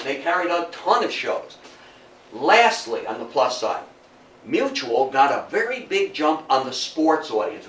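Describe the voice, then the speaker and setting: This American man, a guest lecturer, speaks in a fairly high, somewhat bright voice as he lectures on history to an audience in a room. He stresses points emphatically, repeats phrases for effect, and asks listeners questions, while a distant mic picks up roomy acoustics and faint noise.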